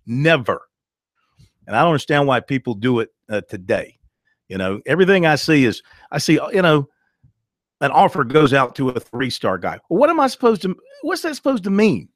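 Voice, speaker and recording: A man's voice: medium pitch, sing-song, fairly quick, no echo, studio quality. A man in his thirties hosting a sports talk show, emphatic and ranting, laughing easily. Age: 30s. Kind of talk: opinionated sports talk radio.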